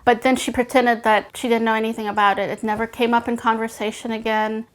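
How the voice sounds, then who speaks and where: Earnest woman with a flat, fairly high voice. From Afghanistan. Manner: reflective, earnest and measured. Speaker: interview subject. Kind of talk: documentary interview testimony.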